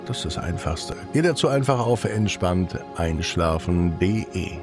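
A man narrating a guided sleep meditation as host, in a soothing, hushed manner with long pauses. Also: low-pitched, lively intonation, music in the background.

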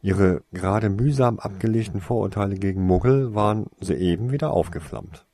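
A man reading a fantasy story aloud in a measured, even narration. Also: lowish voice, creaky, breathy edge, no echo. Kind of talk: audiobook fiction reading.

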